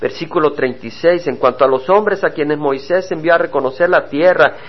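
A man preaching a sermon as a pastor, earnest, rising on his questions and dropping low and quiet on solemn lines. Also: a little fast. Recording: dull lo-fi sermon recording.

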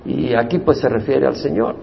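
A pastor teaching a Bible study, explaining the meanings of Hebrew words and repeating key terms for emphasis. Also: male voice, mid-range voice, moderate pace, gravelly, big-room sound, muffled recording, a little hiss or hum. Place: church.

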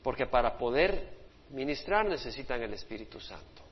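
A man's voice: medium pitch, very animated, moderate pace. Male preacher, passionate sermon delivery, muffled lo-fi recording. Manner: impassioned preaching, voices quoted speakers. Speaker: pastor. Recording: dull lo-fi sermon recording in a reverberant hall.

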